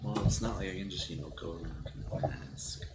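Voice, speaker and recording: A man with a lowish voice plays a tabletop game, talking in a laid-back way with pauses and fillers. Background noise runs steadily under him. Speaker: player. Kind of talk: casual tabletop play. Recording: noisy home recording.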